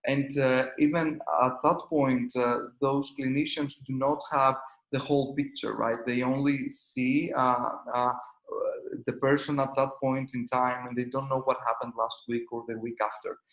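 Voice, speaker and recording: A Greek man in his thirties, a startup founder and CEO, answers questions in a conference interview in a Greek accent, often hesitating with fillers. His medium-pitched voice is a bit bright and stays fairly flat at a moderate pace. The sound is roomy, with the high frequencies cut off.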